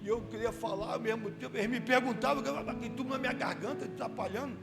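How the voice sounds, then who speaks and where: A man from Rio de Janeiro, a church deacon telling his testimony in an animated way and acting out his own quotes. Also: extremely high pitch, fast, creaky. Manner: animated storyteller who acts out his own quotes, rising to shouts at the peaks. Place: church hall. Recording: reverberant church hall with music behind.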